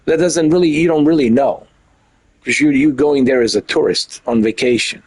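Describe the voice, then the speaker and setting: A gaming streamer in his fifties, originally from Europe, chats loosely and repetitively while playing, his slightly rough, somewhat mellow voice at normal speed with no echo. He rambles casually, full of "like" and "dude," and mimics others in a high, mocking voice.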